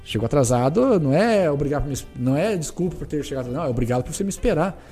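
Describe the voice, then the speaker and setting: Brazilian man, footballer guest, rapid animated storytelling, dark voice, faint music behind. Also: on the high side. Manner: animated, repetitive, acts out dialogue. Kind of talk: casual storytelling.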